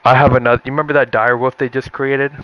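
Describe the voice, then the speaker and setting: A man's voice: mid-range voice, little pitch movement, fast talker, lo-fi sound, a little hiss or hum. A young man chatting casually on a live stream, rambling through ideas for comedy bits with many restarts and frequent "dude"s. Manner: rambling, restarts often, says "dude" a lot. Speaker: streamer trying out stand-up material. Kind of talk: casual chat.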